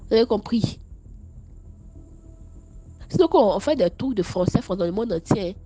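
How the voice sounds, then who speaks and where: A young woman with an Ivorian French accent recounts her own story in a casual voice message. Speaking at a normal speed in a mid-range voice, she stammers and repeats words, sounding animated and scolding.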